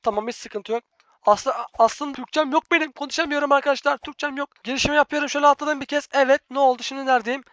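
A man hosting a let's-play gaming video, chatty and excitable, constantly addressing his viewers. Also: extremely high pitch, fast, no room sound. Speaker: gaming channel host. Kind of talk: let's-play gameplay commentary.

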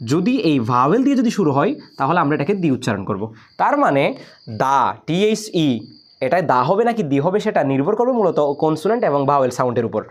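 A man's voice: on the high side, a little fast. A young man, an English teacher, explaining grammar to students and often asking whether they follow. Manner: lively, questioning the listener directly.

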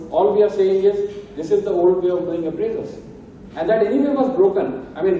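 In a large conference hall, a keynote speaker talks in a conversational, emphatic way, frequently ending points with "right?". His voice is high with a dark tone. Though he holds a handheld mic, the sound comes from a distant camera, leaving it echoey and muffled with slight hiss or hum.

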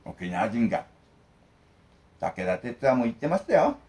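A man's voice: mid-range voice, very animated, measured pace, darkish tone. A middle-aged man from Okinawa, hosting a food vlog and chatting casually while eating, telling wandering, jokey stories.

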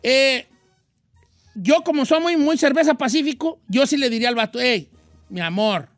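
A man's voice: extremely high pitch, normal speed, no echo, studio quality, faint music behind. A middle-aged man with a Mexican Spanish accent, hosting a casual radio advice chat in a slangy, rambling, self-mocking way. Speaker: radio host.

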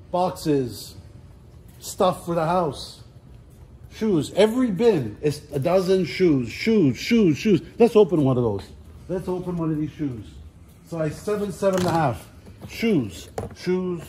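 A middle-aged man giving a casual walking tour of a large warehouse as an auctioneer, chatty and playful, listing items in quick repeats. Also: a little high, warm tone. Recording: roomy warehouse echo, faint background noise.

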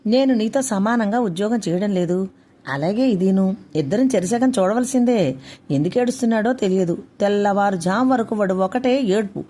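A woman's voice: medium pitch, expressive, normal speed, mellow, lightly acted. A woman voicing an indignant young working mother who argues sharply with her husband in a read-aloud story. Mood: angry.

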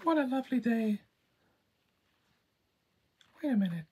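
Man voicing Tilly, a slow-talking girl rag doll. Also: very high voice, animated, dark tone, husky, full character voice. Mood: dreamy, apologetic. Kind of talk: amateur puppet show role-play.

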